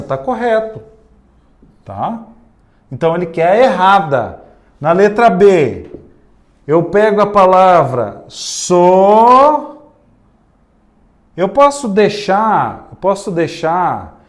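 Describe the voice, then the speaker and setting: Slow-talking Brazilian male teacher, high voice. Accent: Brazilian Portuguese. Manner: addresses the class often, spells out words slowly syllable by syllable. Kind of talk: exam-prep grammar lesson.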